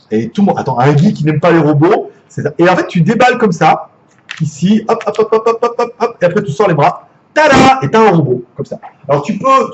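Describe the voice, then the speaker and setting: A man's voice: on the high side, lo-fi sound, a little hiss or hum. A man with a French accent, chatty and jokey, unboxing gadgets live and swearing casually. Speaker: gadget reviewer.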